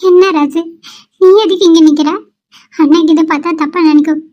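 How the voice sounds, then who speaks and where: A woman's voice: high voice, steady tone, moderate pace, mellow, lightly acted. A woman voicing a troubled young woman in a dubbed cartoon, who is facing an unwanted marriage and speaks in a flustered, pleading way. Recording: dull lo-fi recording.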